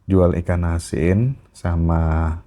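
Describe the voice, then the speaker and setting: A man hosting a podcast, asking his guest questions in a reflective, halting way with many fillers. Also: low-pitched, fairly even intonation, warm tone. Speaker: podcast host. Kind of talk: casual interview talk.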